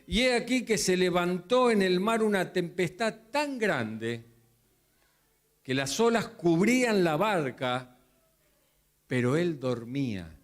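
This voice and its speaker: A man's voice: high voice, animated, slow pace. A man preaching a sermon, telling the story vividly and acting out the voices in it. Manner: storytelling, acting out the disciples' cries and Jesus' replies. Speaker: pastor.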